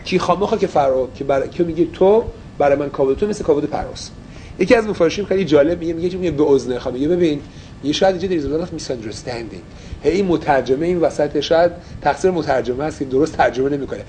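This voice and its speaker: Man teaching a relaxed Torah class. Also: fairly high pitch, slight background noise, poor audio. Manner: mixes Persian and English, explains phrases.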